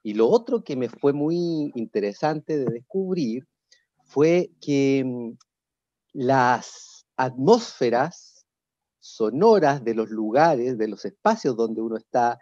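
A middle-aged Chilean-accented man, an actor with a theatre company, takes it slowly as he expressively describes his craft in an online panel. His medium-pitched voice has a dark tone, heard through dull, dry video call audio.

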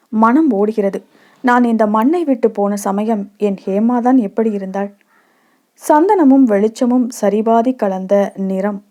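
A woman reading a short love story aloud in a soft, reflective storytelling manner. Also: a little high.

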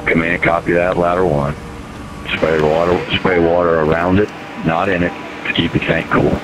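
A man's voice: deep voice, little pitch movement, normal speed. A man working as a fire incident commander, giving brief procedural orders in terse emergency radio traffic. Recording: noisy fireground radio recording with engine hum.

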